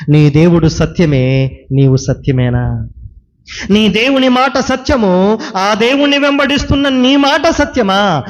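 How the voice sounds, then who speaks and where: A man with a high, ringing voice delivers a sermon. He hammers home each point by repeating his phrases and turning questions straight at the listener. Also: a little slow, long pauses, muffled recording. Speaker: preacher.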